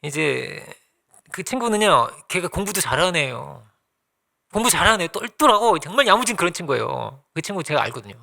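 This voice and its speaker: A middle-aged man delivers a sermon from a church pulpit. His voice sits high and bright, and it swings widely in pitch. He tells his stories by acting out what people said, with laughter mixed in. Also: vocal fry. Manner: storytelling with acted-out quotes and frequent laughs. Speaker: pastor. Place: church sanctuary.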